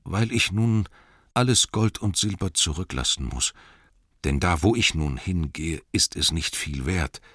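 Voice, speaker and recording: Solemn dwarf king, voiced by a man, proud, dying, formal, deep, dry studio sound. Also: expressive, measured pace, fairly bright tone, slightly rough, no room sound, heavily acted.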